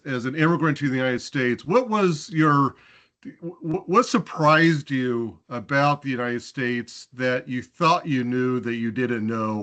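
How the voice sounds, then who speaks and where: A man hosting a fireside chat asks long, winding questions, stopping and restarting often. His voice sits at a middle pitch for a man and sounds unremarkable and even. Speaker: interview host.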